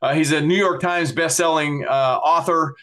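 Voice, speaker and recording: A man's voice: a little high, fairly even intonation, moderate pace, sharp tone. A middle-aged man hosting a podcast, earnestly thanking his guest and listeners and plugging websites, with many fillers. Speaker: podcast host.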